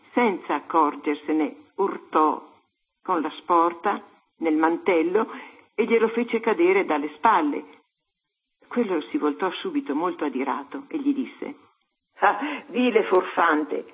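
A woman co-host reading a devotional story aloud in a calm, measured way on religious radio. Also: deep voice, breathy edge. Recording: narrow phone-like radio sound.

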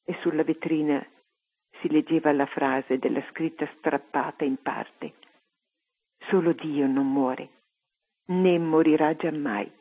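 A woman reading a story aloud on religious radio in a steady storytelling manner. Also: low voice, takes it slowly, breathy edge. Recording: tinny phone-like radio line.

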